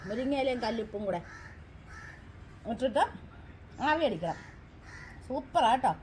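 A woman's voice: on the high side, darkish tone, reverberant, distant mic, a little hiss or hum, poor audio. A middle-aged woman chatting casually to camera from her home kitchen. She talks in a friendly, rambling way, often checking in with viewers, and her throat sounds strained from talking. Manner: chatty, keeps checking in with viewers with tag questions. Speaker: home cooking vlogger.

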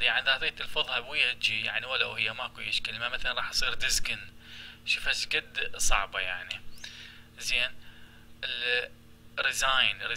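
Iraqi male English teacher, gravelly edge, patient step-by-step explainer for a recorded lesson. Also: mid-range voice, bright, forceful tone, slight background noise, rough recording. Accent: Iraqi Arabic. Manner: patient step-by-step explaining, repeating example words.

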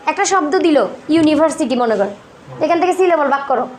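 A woman's voice: high-pitched, expressive, quick pace, a little hiss or hum. A woman giving firm instructions to teachers, often posing rhetorical questions. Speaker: teacher trainer.

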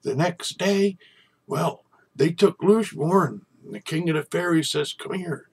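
An older man telling a traditional Irish folk tale in a lilting, conversational, folksy storyteller's manner with a husky voice. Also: a little high, a little slow. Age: older, about 60s or 70s.

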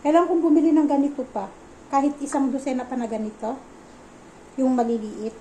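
A woman's voice: high voice, fairly even intonation, brisk, warm tone, slight background noise, poor audio. A woman vlogging casually at home, chatting and mixing English phrases into her talk. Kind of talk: casual home vlog narration.

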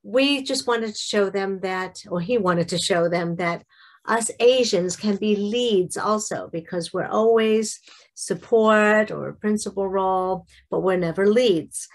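A middle-aged woman talks to camera in a casual devotional vlog. She speaks slowly at a medium pitch, pausing and correcting herself as she goes. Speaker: vlogger giving a devotional.

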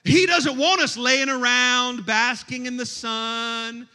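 A man preaching a sermon in a church, moving between hushed scripture reading and shouted exhortation. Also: very high-pitched, steady tone, slow.

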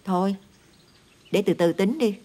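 A woman's voice: medium pitch, unhurried, warm tone, close to an everyday voice. An actress playing a worn-down, long-suffering widowed stepmother, speaking with a Southern Vietnamese accent, tired and exasperated. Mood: weary. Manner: weary, exasperated and tearful. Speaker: struggling stepmother and older sister. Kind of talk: TV drama acting. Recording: music score under dialogue.

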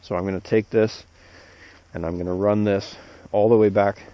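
Out among snowy trees, an arborist instructor with a fairly low voice calmly demonstrates tying a knot step by step at normal speed. He explains things steadily and plainly, captured on a head-mounted action camera with dull lo-fi audio and no room sound.

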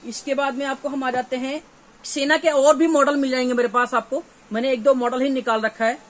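In a cramped, cluttered gear shop indoors, a North Indian-accented man in his thirties talks briskly to camera, showcasing products in an informal, repetitive way. His voice is very high-pitched and fairly bright, with little pitch movement. Faint shop sounds linger in the background.

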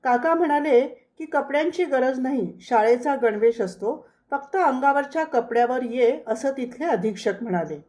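A woman reads a first-person memoir as a scripted audiobook, telling the story in a measured way and only lightly touching the quoted lines. Her voice is high-pitched, expressive, and a little mellow.

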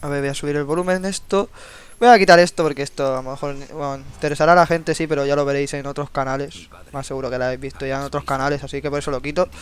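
A young man from Spain with a Spanish accent, casually commenting on his own gameplay, eager and excitable, swearing when frustrated. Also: medium pitch, rapid-fire, few pauses, smooth. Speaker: gameplay video host.

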